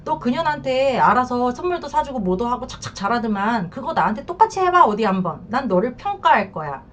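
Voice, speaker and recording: A woman's voice: fairly high pitch, expressive, fairly quick, a bit bright, slight background noise. A woman voicing a bitter betrayed wife who taunts and orders her cheating husband around. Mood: demanding. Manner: taunting, scornful, bossy. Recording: dull lo-fi recording.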